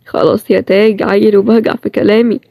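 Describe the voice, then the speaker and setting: A woman voicing a tired, stubborn young man with an Egyptian accent, in a low-key, plain-spoken way. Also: little pitch movement, quick pace, creaky, mellow, no echo. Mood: teasing. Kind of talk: storybook role-play series.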